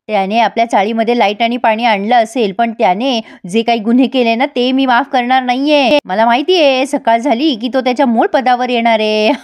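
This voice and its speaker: A woman voicing a sharp-tongued older woman who scolds and nags in a raised voice. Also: on the high side, steady tone, fairly quick, hardly any pauses, lightly acted. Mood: scolding. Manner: loud, nagging, raised voice.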